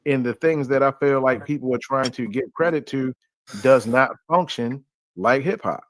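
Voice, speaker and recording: A man holds forth in an easygoing, rambling way and keeps circling back with filler phrases. His voice sits at a middling pitch. It is recorded dry, with no room sound. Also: normal speed, no room sound. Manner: loose, conversational, heavy on filler phrases. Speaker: podcast panelist. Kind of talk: casual opinionated discussion.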